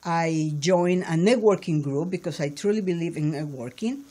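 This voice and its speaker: A woman's voice: lowish voice, normal speed, warm tone. A woman in her forties with a foreign accent, chatting sociably as a guest on a studio talk show. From abroad, not born in the United States. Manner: chatty, sociable, laughs easily. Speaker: guest, entrepreneur. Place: small studio with table mics. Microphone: studio mic on boom arm.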